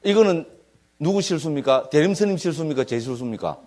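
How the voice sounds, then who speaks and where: A middle-aged man with a Gyeongsang accent, lecturing as a Buddhist monk to a class. His voice sits a little higher than most men's. He talks in a loose, chatty way and keeps asking his listeners to agree with him. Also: expressive, fast, darkish tone.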